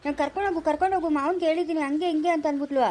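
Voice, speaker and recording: A woman's voice: sits high, fairly even intonation, racing, darkish tone, natural voice. A woman playing a meek grown son who defends himself to his scolding father in a family drama skit. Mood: defensive.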